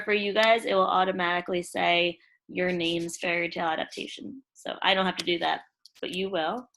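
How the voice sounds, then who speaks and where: An elementary school teacher with a medium-pitched, gravelly, slightly bright voice leads her pupils step by step through a screen-share tutorial. She instructs informally, calling the children "you guys."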